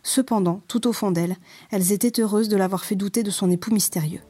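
A woman narrating a storybook tale in a measured, expressive reading. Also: mid-range voice, husky, faint music behind.

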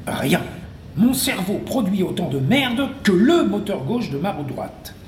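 A man's voice: high-pitched, echoey room, a little hiss or hum, exaggerated voice. A man doing a grumpy moon-dwelling loner. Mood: frustrated. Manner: repetitive, sweary, mock-serious. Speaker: narrator of a comic monologue. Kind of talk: scripted comic monologue.

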